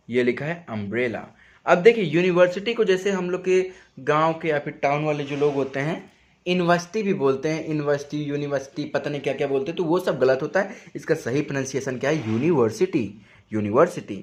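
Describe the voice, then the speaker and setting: A man teaching a spoken English lesson from home. He explains step by step, asks questions and answers them himself, and stretches words out slowly to show their sounds. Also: a little high. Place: at home, in a residential neighbourhood.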